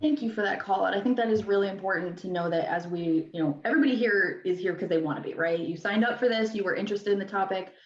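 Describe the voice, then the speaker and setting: A woman moderating a webinar, speaking in a calm, measured, reassuring way. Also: mid-range voice. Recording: dull, roomy, distant mic.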